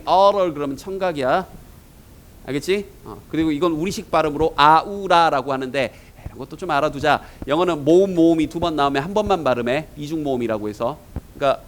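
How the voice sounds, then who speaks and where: Animated male English exam teacher. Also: on the high side, poor audio. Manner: animated, rhetorical questions to students. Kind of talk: exam-prep lecture.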